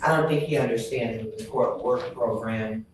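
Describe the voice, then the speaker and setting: A man's voice: mid-range voice, fairly even intonation, moderate pace. A man speaking as a defence attorney in a courtroom, giving brief replies to the bench. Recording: very echoey, distant mic, noisy room.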